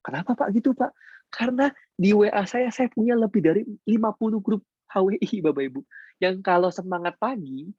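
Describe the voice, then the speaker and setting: A man giving a chatty, teasing motivational talk to his business team, jumping sharply up in pitch for emphasis. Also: a little fast, no echo, lo-fi sound. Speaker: business mentor addressing his downline.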